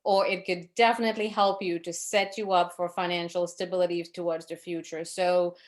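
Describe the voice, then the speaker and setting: This Trinidadian woman, in her forties, gives a financial education webinar by video call with a rather low voice, flat delivery and a brisk pace. She's earnest and advising, though fillers and self-corrections creep in.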